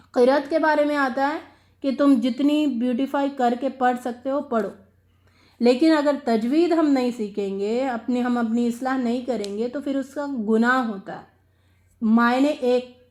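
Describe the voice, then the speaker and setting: A woman with a high, slightly mellow voice teaches a religious lesson on Quran recitation. She sounds earnest and questioning, repeats phrases for emphasis, and slips English words into her speech.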